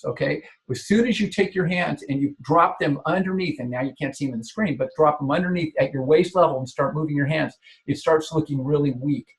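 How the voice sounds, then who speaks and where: A male business coach gives a lesson, his voice sitting a little high for a man. He talks with emphasis, restarting words and checking in with his listeners. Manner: emphatic, repeats key phrases; frequent verbal restarts and filler checks like "okay". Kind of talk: coaching lecture on body language.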